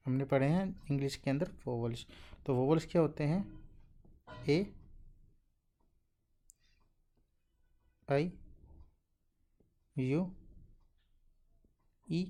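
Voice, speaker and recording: Male tutor for absolute beginners, warm low-toned voice, repetitive "okay" check-ins, recites sounds one by one. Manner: asks questions and answers them himself, says "okay" constantly; slow, drilled recitation of syllables. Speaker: Japanese teacher. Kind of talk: classroom-style lesson explanation.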